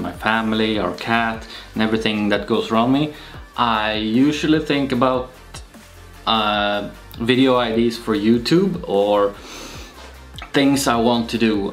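A young man with a Swedish accent, talking slowly and casually to camera in a home vlog, with many pauses and fillers. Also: fairly low pitch. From Sweden. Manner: slow and relaxed, with frequent pauses and fillers. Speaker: YouTuber. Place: small home room with shelves, indoors. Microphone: camera-mounted shotgun mic.

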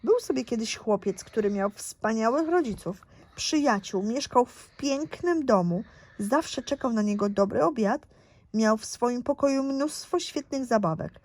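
A woman's voice: a little high, lively intonation, a little slow. Storybook part: a caring grandmother spinning a tale, read by a woman. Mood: gentle. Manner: gentle storytelling, read aloud.

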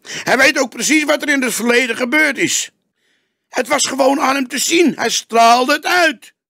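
An impatient young detective argues in a high, urgent voice, as a man reading an audiobook puts him on. The tone is bright and tense with a gravelly edge. Pitch jumps lively from phrase to phrase. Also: moderate pace, no room sound, studio quality, exaggerated voice. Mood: indignant. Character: young male police detective, agitated and impatient.

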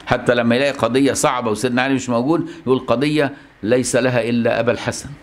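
Fast-talking Egyptian scholar teaching. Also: male voice, mid-range voice, fairly even intonation, slight background noise. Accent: Egyptian Arabic. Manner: explains with rhetorical questions and filler "what". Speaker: Islamic scholar teaching hadith. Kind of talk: religious lesson.

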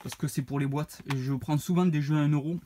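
A man's voice: a little high, fairly even intonation, fairly quick, mellow, a little hiss or hum. A man, casually showing off his retro game purchases, rambling and hesitant as he reads out prices. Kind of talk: casual unboxing vlog.

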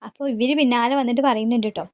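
A woman's voice: fairly high pitch, steady tone, racing, darkish tone. A woman chattily retelling a TV serial episode to her listeners, often adding a tag question for them.

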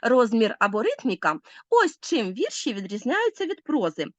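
A woman's voice: a little high, huge pitch swings, moderate pace, no echo. A woman teacher explaining a literature lesson step by step, speaking directly to her pupils.

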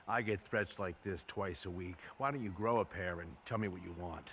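An actor playing a brash middle-aged big shot in a video game, blunt and scornful. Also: male voice, deep voice, normal speed, fairly bright tone, slight background noise. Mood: irritated scorn. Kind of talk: video game cutscene acting.

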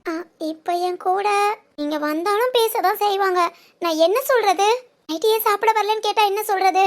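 Young newlywed wife, timid and teary, very high voice, halting delivery. Woman to act. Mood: fearful. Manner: hesitant, tearful, soft-spoken. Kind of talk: romantic audio drama.

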